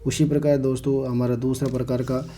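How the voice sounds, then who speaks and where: A man leads an online exam-prep grammar class. His voice is mellow and dark, and his pitch stays flat and level. He repeats himself often and asks rhetorical questions that he answers himself. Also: brisk, slight background noise. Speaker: Hindi grammar teacher.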